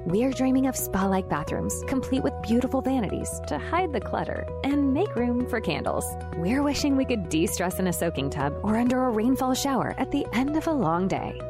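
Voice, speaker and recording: Female commercial narrator, fairly high voice, lifestyle spot over prominent music. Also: sing-song, moderate pace, few pauses. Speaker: advertisement announcer. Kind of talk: scripted lifestyle radio ad. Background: music bed.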